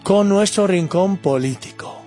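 A man's voice: high-pitched, a little slow, dark tone, faint music behind. A man, a pastor hosting a radio interview, encouraging his guest.

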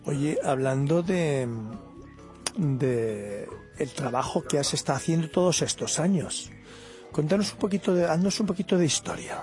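Encouraging pastor hosting radio. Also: male voice, a little high, moderate pace, darkish tone, soft background music. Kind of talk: radio interview.

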